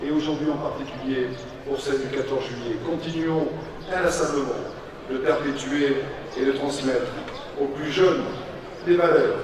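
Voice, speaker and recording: A man's voice: mid-range voice, flat delivery, background noise. Echoing ceremonial rally speech by a man. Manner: solemn, declamatory, phrased in short measured segments. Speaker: public official giving an address. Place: public commemoration ceremony with audience. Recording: echoey public address, distant mic, crowd.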